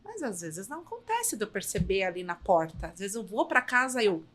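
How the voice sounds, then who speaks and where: A woman's voice: medium pitch, very animated, fairly quick, background noise. A woman with a Brazilian Portuguese accent, a mother speaking candidly as a guest in a casual panel discussion. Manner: candid, acts out dialogue with family.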